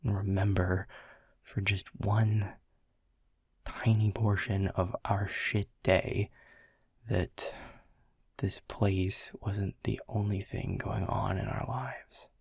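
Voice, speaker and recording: A man voices the boss, a grumpy, world-weary middle manager, in an audio roleplay, talking low and unhurried in a breathy half-whisper with a gravelly, sardonic edge as he teases and curses lightly. His exaggerated delivery is flat yet earnest and wistful. The sound is dry and close, with no room sound.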